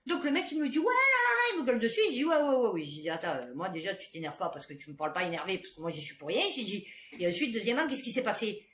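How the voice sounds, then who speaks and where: Woman vlogger, chatty and rambling, animated delivery, echoey room. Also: lowish voice, very fast, few pauses. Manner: chatty, many fillers and restarts. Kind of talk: casual rambling storytelling to camera. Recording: echoey room with faint background noise.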